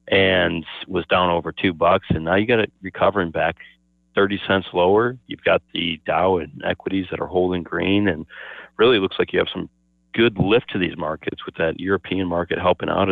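A man with a very low voice comes through a tinny phone line, dry and close with no room around it. He talks as a market analyst in a steady, explanatory way. His answers often open with a casual "yeah, so". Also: gravelly, no echo. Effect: over the phone. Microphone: telephone.

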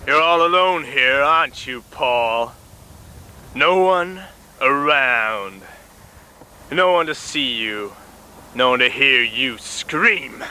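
A man playing a zealous, creepy cult recruiter with slow, preachy, drawn-out speech in an amateur comedy sketch. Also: medium pitch, animated, bright, forceful tone, clean tone, exaggerated voice. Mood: menacing.

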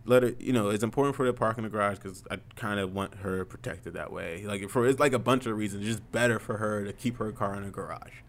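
A man's voice: lowish voice, fast, few pauses. A young man, a streamer, telling a story in casual chat, rambling and swearing, growing heated as he retells it.

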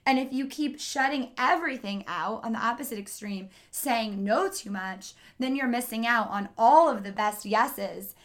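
A woman's voice: a little high, normal speed, few pauses. A young woman giving casual life advice in a vlog, chatty and self-deprecating, laughing at herself now and then. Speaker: vlogger giving life tips.

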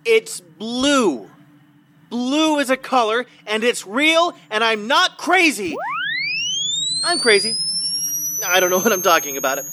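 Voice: mid-range voice, big pitch swings, slow pace, pauses often, heavy background noise. An actor playing a frazzled human kept as an alien's pet, anxious and rambling. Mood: flustered. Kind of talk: comedy audio drama.

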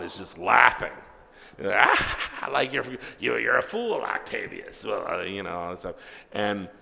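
Gravelly low-voiced man telling stories. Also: big-room sound. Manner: animated, acts out quoted dialogue, swears freely. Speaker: comic book writer, interview guest. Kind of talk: casual anecdotal storytelling.

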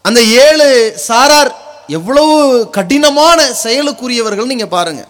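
Man preaching like a thundering orator, really high pitched, slow deliberate pace, forceful short phrases. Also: expressive. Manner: forceful, declamatory, rhetorical build-up in short phrases.

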